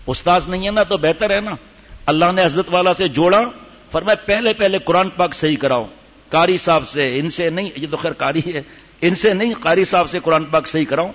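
Speaking to a gathering in a hall with dull reverb, an older man preaches as a religious teacher, sharing stories and showing how recitation is done. His voice sits on the high side and sounds a bit bright.

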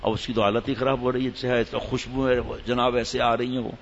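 A man's voice: mid-range voice, level tone, vocal fry, a little hiss or hum. A man telling a humorous story to an audience in a jokey way and asking them rhetorical questions, heard in an echoey hall with a slightly dull sound.

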